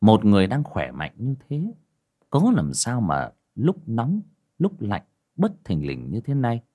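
A man narrating a horror story in an expressive, dramatic way. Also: on the low side, measured pace, slightly rough, lo-fi sound.

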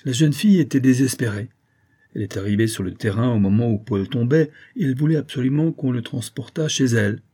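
A man reading an audiobook and voicing a loyal gentleman baron who explains matters calmly and persuasively. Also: mid-range voice, brisk, breathy edge, lightly acted.

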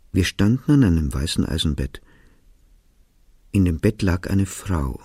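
Low, husky man reading literature. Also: no room sound, studio quality. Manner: calm, even, reflective. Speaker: narrator. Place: recording studio.

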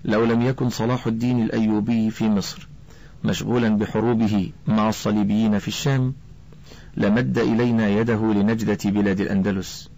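A man's voice: lowish voice, flat delivery, a little fast, gravelly, warm tone, poor audio. A man voicing a worried mother in a storybook, speaking in a sighing, wistful way.

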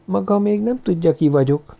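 A man's voice: high voice, expressive, creaky, warm tone, highs cut off, pitched above the performer's own voice. A man voicing a seductive middle-aged woman who whispers and teases. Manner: whispering, teasing.

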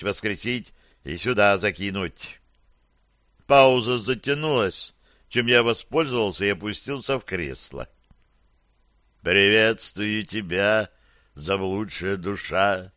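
A man's voice: on the low side, fairly bright tone, no echo, clean studio sound. A man reading a fantasy audiobook in the first person, with a wry, slangy storytelling manner. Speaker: audiobook narrator.

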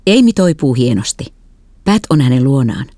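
A tired, gentle middle-aged father, as a woman reads him in an audiobook. He talks quietly and earnestly in a mellow, dark tone. The recording is close and dry. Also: a bass voice, very animated, no room sound. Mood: tender.

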